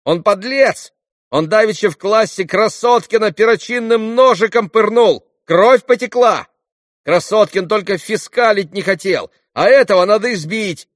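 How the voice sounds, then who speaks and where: A man reading an audiobook and voicing an angry boy who shouts in an irritated, childish way. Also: high-pitched, normal speed, no room sound, clean studio sound, voice pushed up, lightly acted. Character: angry boy in red shirt.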